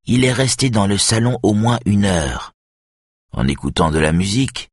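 A man's voice: fairly low pitch, expressive, normal speed, slightly rough, no room sound, studio quality, pitched above the performer's own voice. A man voicing a weary, persistent female detective who keeps pressing her questions. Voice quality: tired, insistent questioning.

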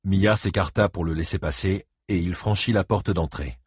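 A man narrating an audiobook with steady, scripted storytelling. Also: sits low, moderate pace, husky, dry recording, studio quality.

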